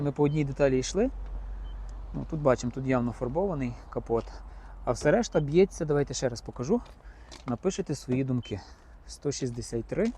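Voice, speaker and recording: A man's voice: a little high, darkish tone, husky. A man chatting casually to his viewers as he inspects used cars outdoors at a car market. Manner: chatty, addresses viewers directly as friends.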